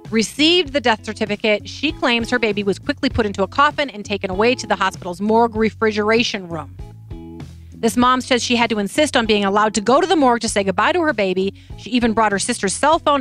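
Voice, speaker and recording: This is a woman host with a rather high voice, reading the news in a loose, chatty way. She gets emotional as she tells the story and trips over her own words, starting sentences again. Faint music plays softly behind her. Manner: warm-hearted, emotional storytelling with restarts. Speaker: talk show host. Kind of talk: casual news chat.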